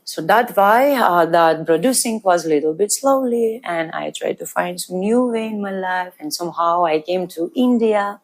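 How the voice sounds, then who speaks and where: A woman from Ukraine with a Ukrainian accent, speaking animated, broken English as a guest in a studio interview. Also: on the low side, normal speed, hardly any pauses. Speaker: guest musician and DJ. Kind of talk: casual interview.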